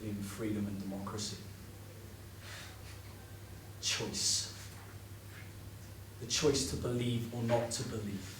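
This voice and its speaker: An actor with a British accent playing a stern, hardened soldier who talks bluntly and heatedly, recorded in an echoey room from a distance. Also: male voice, lowish voice, steady tone, slow, pauses often, background noise. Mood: earnest. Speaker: stage actor. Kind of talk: stage play acting. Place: theatre stage.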